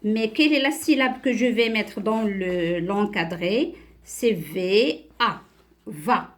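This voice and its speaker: A woman teaching a beginner French class, speaking slowly and patiently, spelling out letters and syllables and checking understanding with questions. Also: mid-range voice, expressive. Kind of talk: beginner French lesson at a board.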